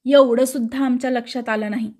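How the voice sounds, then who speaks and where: A woman's voice: a little high, steady tone, a little fast, darkish tone, natural voice. A woman reading the part of a chatty male neighbor who teases the others. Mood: teasing. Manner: teasing.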